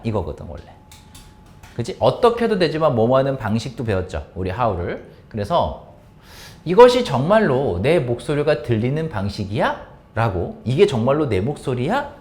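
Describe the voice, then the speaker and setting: Male tutor, animated pitch, quizzing style, middle-pitched voice. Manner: lively, questioning, answers own questions. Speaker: English teacher. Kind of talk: explaining an exam passage to students.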